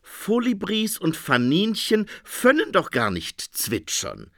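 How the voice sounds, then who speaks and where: Male reader doing a moody phoenix king for a storybook, theatrical, high and lively, dry close sound. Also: takes it slowly, dry recording, exaggerated voice. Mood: amused. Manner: theatrical, exclaiming and sighing.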